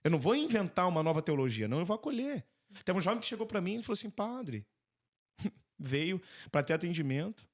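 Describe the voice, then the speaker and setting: Brazilian priest telling animated stories. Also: male voice, high-pitched, brisk. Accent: Brazilian Portuguese. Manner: animated, acts out dialogue in quoted voices. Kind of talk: conversational storytelling in an interview.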